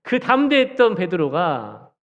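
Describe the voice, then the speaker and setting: A junior pastor with a high, slightly slow voice preaches a sermon in a church sanctuary. He is animated, questions the congregation and acts out quoted dialogue. The recording is dull, with the long reverb of a church hall.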